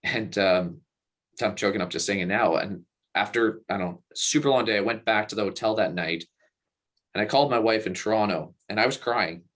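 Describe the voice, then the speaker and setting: A man's voice: fairly low pitch, fairly quick, a bit bright. A man telling a personal story in an interview, earnest and reflective. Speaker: guest, company co-founder.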